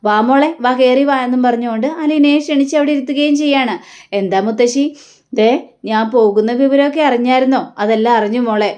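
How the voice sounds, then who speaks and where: Woman, higher-pitched voice, serial recap, storytelling, quotes dialogue plainly. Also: fairly even intonation, fairly quick, darkish tone. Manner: retells dialogue in quotes without changing voice much.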